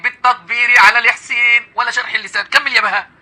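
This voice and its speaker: Egyptian-accented man, live-stream host, rapid-fire delivery, bright and cutting tone, taunting and mocking. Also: very high voice, steady tone, a little hiss or hum. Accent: Egyptian Arabic. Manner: mocking, taunting, laughing at the caller. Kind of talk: confrontational live call-in debate.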